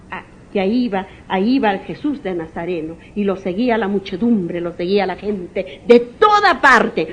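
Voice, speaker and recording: Woman, pastor, sermon, very slow, animated pitch, rhetorical questions, repeats herself. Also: dull audio. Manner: preaching with rhetorical questions and repetition; stumbles over names and restarts phrases.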